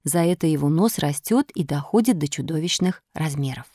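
Animated woman reading a fairy tale. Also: deep voice, brisk, dry recording, studio quality. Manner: expressive, animated storytelling. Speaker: narrator. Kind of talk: storybook reading.

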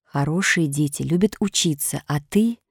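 A woman voicing a kind, patient fairy in a calm, soft, instructive voice. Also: low-pitched, normal speed, vocal fry, slightly rough, dry recording, studio quality, heavily acted. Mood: gentle.

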